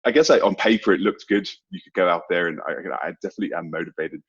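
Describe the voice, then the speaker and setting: A Bermudian man in his thirties, a sales executive, speaks in a low, slightly rough voice at a fast clip, in a muffled recording. Appearing as an interview guest, he chats casually with a British accent tinged by American and Australian sounds.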